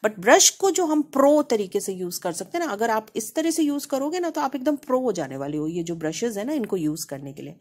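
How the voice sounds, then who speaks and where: A woman's voice: a little high, very animated, brisk, few pauses, darkish tone. A woman from India with an Indian accent, giving a casual painting tutorial in a chatty way and often checking in with her viewers. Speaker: painting teacher.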